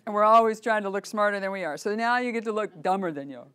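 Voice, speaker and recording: A middle-aged woman leading a voice workshop, playful and lively, demonstrating sounds and asking her group questions. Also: mid-range voice, fast talker, clean tone. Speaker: voice workshop teacher. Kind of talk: workshop teaching.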